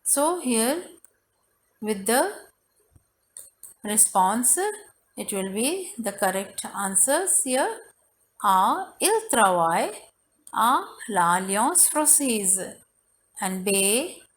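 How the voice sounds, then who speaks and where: A woman gives a French lesson at a very slow pace, reading exercises word by word and translating them into broken, non-native English. Her delivery is halting, with a lively rise and fall in pitch. There is faint noise behind her voice. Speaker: French language teacher.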